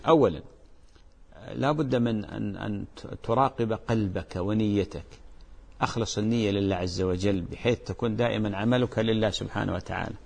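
A man hosting a religious advice show, answering viewers' questions in a gentle, fatherly way with frequent blessings. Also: medium pitch, gravelly.

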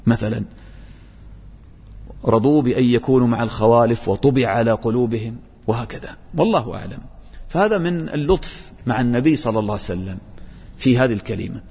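A man teaching Quran commentary and grammar, reciting verses slowly and quizzing his students with questions. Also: medium pitch, lively intonation, mellow, breathy edge, long reverb tail. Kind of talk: tafsir and grammar lesson.

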